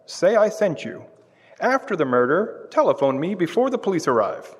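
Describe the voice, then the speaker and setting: An actor plays a cocky, wisecracking assistant whose sarcastic, breezy lines bounce up and down with lively swings. His somewhat high voice rings with the long reverb of a courthouse hall in a live radio stage show. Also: normal speed, background noise. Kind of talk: live old-time radio drama.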